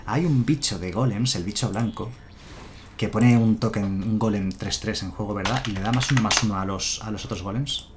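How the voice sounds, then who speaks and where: A man's voice: on the low side, normal speed, a little hiss or hum. A man with a Spanish accent from Spain, casually commenting a game on a live stream and answering his chat. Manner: chatty, answers chat, muses aloud. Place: home room with a chair.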